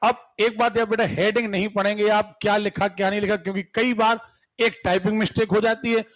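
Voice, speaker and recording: A man's voice: high voice, level tone, brisk, a bit bright, poor audio. A man teaching a Hindi grammar lesson for exam preparation, with a Madhya Pradesh Hindi accent, casual and joking, who keeps asking his students whether they have understood. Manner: asks students frequent check questions.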